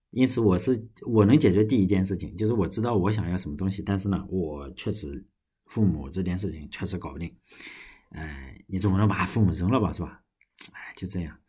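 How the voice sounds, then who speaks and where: A man's voice: lowish voice, a little mellow, slightly rough. A young Chinese man talking casually and at length on his own podcast, rambling with restarts and the odd curse. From China. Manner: rambling, frequent restarts and swearing. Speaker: podcast host. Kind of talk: casual solo podcast monologue.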